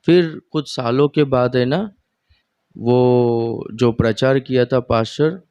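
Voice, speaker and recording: A man preaching, taking his time over each phrase. His pitch sits in the middle, and he talks to the congregation like a teacher who keeps checking they are listening. The sound is dry and close, with almost no room around it. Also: smooth, no room sound, highs cut off. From India. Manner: slow, conversational preaching with rhetorical questions to the congregation. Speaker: pastor. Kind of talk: sermon.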